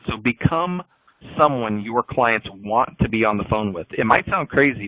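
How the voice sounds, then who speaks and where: Lowish man coaching phone sales. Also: dry recording. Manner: coaching, direct and instructive. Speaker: sales trainer. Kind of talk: recorded training talk over slides. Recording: dull lo-fi dry audio.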